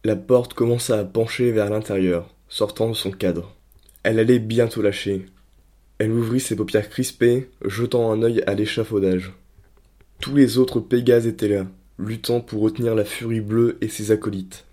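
A man narrating a dark story in a steady, dramatic reading voice. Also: on the low side, normal speed.

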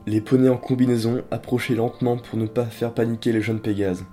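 A man narrating a dark story in a steady, dramatic reading voice. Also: mid-range voice, a little fast, faint music behind.

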